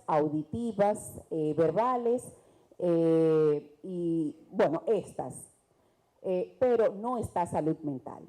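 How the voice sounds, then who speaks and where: A woman's voice: mid-range voice, warm tone, rough recording. A Dominican woman with a Dominican Spanish accent, speaking earnestly and emphatically as a mental health specialist on a TV panel. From Dominican Republic. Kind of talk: TV panel discussion.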